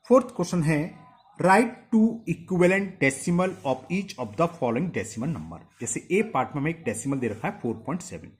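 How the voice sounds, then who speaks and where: Male maths tutor, somewhat high and very lively in pitch, walks pupils through steps. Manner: asks questions and answers them himself, repeating steps. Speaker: maths teacher. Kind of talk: blackboard-style maths lesson.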